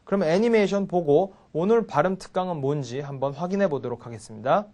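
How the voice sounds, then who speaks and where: A middle-aged man teaching English in an online lecture, explaining and slowly repeating example sentences. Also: fairly high pitch, expressive, darkish tone.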